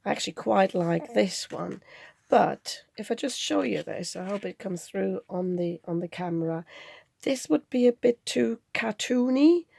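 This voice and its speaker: A woman with a croaky voice from a cold, chatting her way through a crafting tutorial and thinking aloud as she works. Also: medium pitch, expressive, measured pace, mellow. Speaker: card-making channel host.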